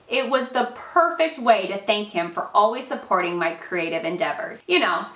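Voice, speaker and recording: A woman's voice: mid-range voice, sharp tone. A woman hosting a renovation show, narrating a scripted vlog in a chatty, gushing, upbeat way with folksy slang. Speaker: host of a home renovation show. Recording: roomy, distant, faint hiss.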